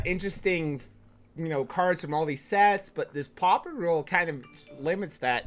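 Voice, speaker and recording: A man's voice: fairly high pitch, a bit bright. A man hosting as an esports caster, introducing a match in a chatty, informal, explanatory way.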